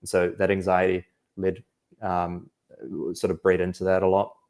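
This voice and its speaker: A man's voice: low voice, monotone, normal speed, a little mellow. A young man from New Zealand, an anxiety coach talking reflectively in a casual podcast interview, with many fillers.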